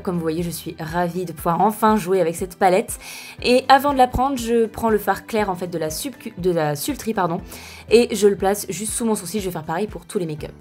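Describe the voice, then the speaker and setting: A woman's voice: medium pitch, darkish tone. A young woman talks through a makeup tutorial in a casual, chatty way, with many fillers and self-corrections. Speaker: beauty vlogger.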